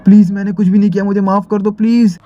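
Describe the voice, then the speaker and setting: Man doing a squeaky scared kid, flat high voice, talks fast, panicky. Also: no room sound, lo-fi sound, soft background music, close to an everyday voice. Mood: panicked. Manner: panicky, pleading questions. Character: frightened young boy in a nightmare.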